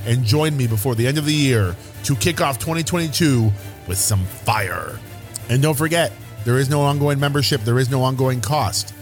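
A man hosting a podcast, delivering an emphatic, hyped-up sales pitch in the manner of a coach. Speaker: podcast host. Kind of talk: promotional podcast monologue.

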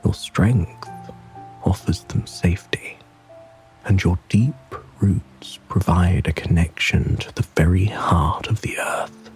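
Deep, slow male sleep story narrator. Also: whispered, faint music behind. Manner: calm, gentle, soft breathy delivery. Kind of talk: soothing sleep story narration, guided relaxation.

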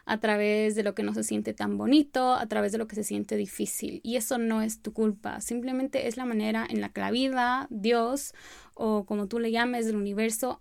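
A young woman hosting a solo podcast, talking fast and sometimes tripping over her words, with light laughs between phrases. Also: fairly high pitch, gravelly, no echo, clean studio sound. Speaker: podcast host.

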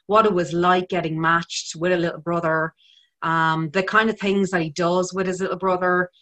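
A woman's voice: lowish voice, fairly bright tone. A woman with an Irish accent presenting and interviewing on a podcast in a conversational style.

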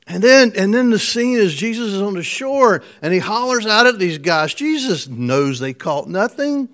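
A preacher with a high, light voice works through a sermon like a storyteller. He chuckles often as he goes. He swings from loud emphasis down to a near hush. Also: sing-song, a little slow.

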